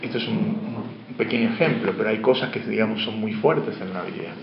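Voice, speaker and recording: A man's voice: lowish voice, fairly quick. Male teacher, lecturing a class and questioning it, faint hum behind, dull recording. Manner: asks questions of the class, shifts between emphatic and hushed. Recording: dull, roomy lo-fi room sound.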